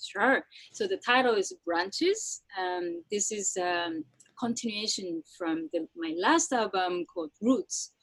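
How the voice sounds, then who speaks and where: A woman with a Japanese accent talks through her story as an interview guest, pausing often on fillers. Her voice sits at a middle pitch for a woman. The recording is dry, with no room sound. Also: expressive, no echo, poor audio. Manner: soft-spoken, halting with many fillers. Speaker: guest violinist. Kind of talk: casual interview chat.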